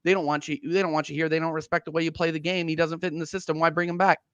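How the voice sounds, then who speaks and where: A man's voice: fairly high pitch, flat delivery, very fast, fairly bright tone, clean tone, no room sound. A man venting as a guest in a fan debate, blunt and sarcastic about his team. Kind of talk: heated football fan debate.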